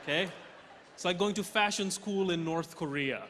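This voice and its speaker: A young man from Russia doing a stand-up comedy set on stage, deadpan punchlines with sudden loud jumps. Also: sits high, moderate pace. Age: young adult. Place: large theatre stage with audience. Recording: hall reverb, faint noise.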